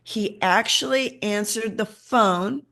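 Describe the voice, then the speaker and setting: A middle-aged woman shares a personal story in an interview. She talks in an animated way, taking on the voices of the people she quotes as she goes. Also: mid-range voice, slow, creaky. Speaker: interview guest.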